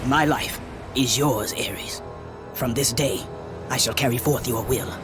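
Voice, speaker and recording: An actor playing a fierce, vengeful Greek warrior in a video game, with a forceful, menacing, declamatory delivery. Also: male voice, medium pitch, a little slow, natural voice. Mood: grim submission. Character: fierce vengeful Greek warrior man in servitude to war god. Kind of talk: dramatic video game cutscene acting. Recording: loud dramatic music underneath.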